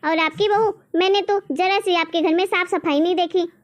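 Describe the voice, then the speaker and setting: A woman's voice: very high-pitched, steady tone, moderate pace. A woman playing a boastful, nagging middle-aged aunt-in-law who lectures her sister-in-law, in a homemade family drama. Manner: bossy, lecturing.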